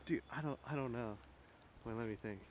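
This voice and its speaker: A man chatting casually while planning a video, rambling along with plenty of fillers and restarts. His voice sits at a mid pitch, with faint background noise behind it. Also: brisk. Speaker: video project collaborator. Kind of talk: casual chat.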